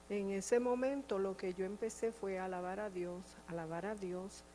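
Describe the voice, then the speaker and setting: A woman's voice: medium pitch, a little mellow, slight background noise, low-quality recording. A middle-aged woman with a Puerto Rican accent giving a personal testimony in church, hesitant and full of fillers. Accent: Puerto Rican Spanish.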